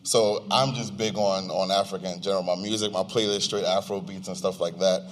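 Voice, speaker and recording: This podcast co-host, a young American of Nigerian descent, speaks fairly quickly with a low voice and fairly even intonation. He chats informally with slang to a live audience at an event venue, and the recording is slightly distorted.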